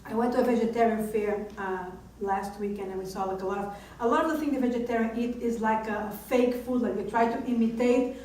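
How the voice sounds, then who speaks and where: A woman's voice: fairly high pitch, steady tone, quick pace, few pauses, darkish tone. A woman hosting a casual interview in loosely phrased, non-native English. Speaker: interviewer, talk show host. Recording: distant mic in echoey room, faint noise.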